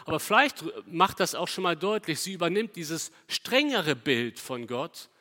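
A man preaching a sermon, emphatic, asking the congregation rhetorical questions and swinging between loud stresses and quiet passages. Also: a little high, big pitch swings, normal speed, long reverb tail.

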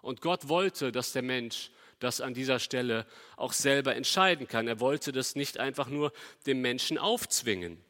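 A man's voice: mid-range voice, animated, normal speed, hardly any pauses, sharp tone, long reverb tail. A man preaching a sermon in a conversational way, asking the congregation questions.

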